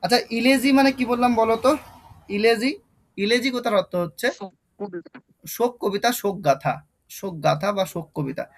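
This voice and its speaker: A man's voice: high voice, brisk, pauses often. A young man with a Bengali accent teaching an online exam-prep English lesson, repeating key terms and quizzing his students.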